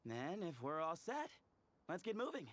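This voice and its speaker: An actor as an easygoing young adventurer, lively voice. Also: medium pitch, moderate pace, noisy background, close to an everyday voice. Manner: easygoing, reassuring. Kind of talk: video game voice acting.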